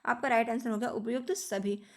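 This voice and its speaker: A woman's voice: fairly high pitch, steady tone, brisk. A woman teaching an exam-prep lesson, patiently repeating each answer and often calling her viewers friends. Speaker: teacher preparing students for teaching exams.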